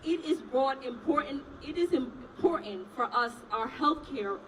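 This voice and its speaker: A woman's voice: high-pitched, expressive, a little slow. A woman from Trinidad and Tobago, a resident physician and union officer, giving a rousing rally speech and chanting slogans. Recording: distant mic, loud crowd and street noise.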